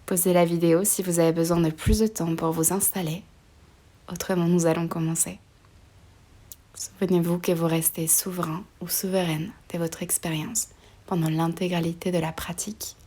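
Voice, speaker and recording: A woman leads a yoga nidra relaxation meditation in a soft, breathy voice that often drops close to a whisper. She speaks slowly and soothingly in short phrases separated by pauses, her lowish voice showing little pitch movement.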